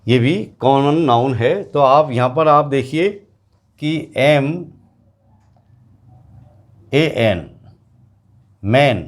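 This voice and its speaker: A man teaching an English grammar lesson to students, explaining slowly and repeating example words. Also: mid-range voice. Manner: slow, repetitive explaining, addressing students directly.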